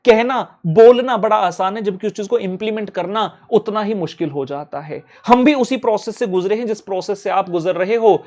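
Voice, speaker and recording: A man's voice: high-pitched, normal speed, few pauses, a little mellow. A young man coaching accountancy students, giving a blunt, urgent pep talk that mixes Hindi with English. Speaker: CA exam coach.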